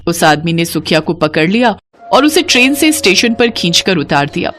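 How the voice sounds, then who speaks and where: A woman narrating a scripted children's moral story in an expressive storytelling manner. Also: lowish voice, moderate pace.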